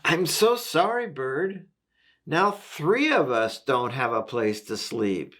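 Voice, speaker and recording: A man's voice: mid-range voice, very animated, slow, bright, forceful tone, heavily acted. A man reading the part of a polite, eager, apologetic rabbit in a children's storybook, earnest and pleading. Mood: apologetic, grateful. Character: polite, eager, carrot-hoarding male rabbit, apologetic houseguest.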